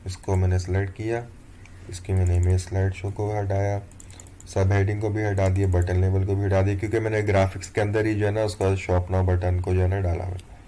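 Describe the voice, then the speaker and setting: Young guy w/ doing a screen tutorial, low dark voice, keeps saying theek hai, bit of hiss. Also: a little fast. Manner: relaxed, step-by-step, keeps checking in with "theek hai". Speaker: course instructor. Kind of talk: screen-recorded tutorial walkthrough.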